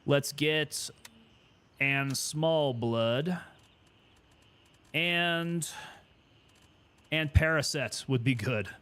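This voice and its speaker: A man's voice: on the high side, very slow, pauses often, fairly bright tone, clear, resonant tone. A man giving casual gameplay commentary, thinking aloud and chatting with teammates as he plays. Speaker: gaming streamer.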